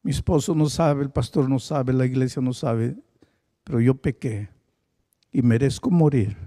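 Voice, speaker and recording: A male pastor voicing a grieving, guilt-ridden paralyzed woman in a low, subdued tone. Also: normal speed, mellow, in a large hall, close to an everyday voice. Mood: despairing.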